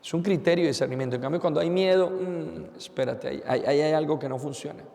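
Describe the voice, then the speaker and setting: Gravelly-voiced priest preaching in a reverberant church. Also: male voice, fairly high pitch, fast, mellow. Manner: earnest preaching with rhetorical questions and repeated phrases. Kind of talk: sermon.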